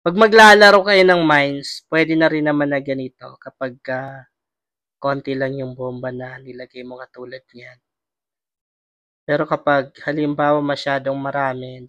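A man's voice: mid-range voice, steady tone, measured pace, fairly bright tone, no echo. A young Filipino man hosting a casual gaming vlog, his voice strained by a cough. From Philippines. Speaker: vlogger and host.

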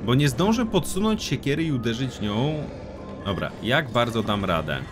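A young man commenting on a horror game as he plays, swearing often, shouting in panic and dropping to a quiet mutter. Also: normal speed. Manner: excitable, swears a lot, yells in panic, then drops to a low mutter. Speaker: gaming YouTuber. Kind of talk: let's play commentary. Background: game music.

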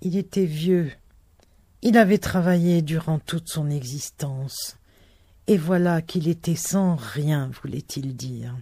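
A narrator reading a novel aloud at an unhurried, deliberate pace, in a dry and close recording with no room sound. The delivery stays calm and measured between the raised voices of the characters. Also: medium pitch, no room sound.

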